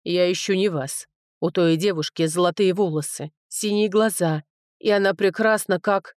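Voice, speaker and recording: A storybook dragon lord, male and imposing, performed by a female narrator. He speaks in a measured, soothing tone, a little lower than the reader's own voice. The recording is dry and close. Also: no echo, close to an everyday voice. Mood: placating. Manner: measured, conciliatory.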